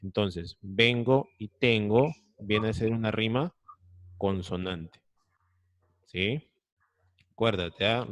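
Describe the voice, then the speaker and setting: A man speaking with a Peruvian Spanish accent gives an online lesson by video call, explaining things patiently one step at a time and regularly confirming students follow. His voice is lowish, with no room sound.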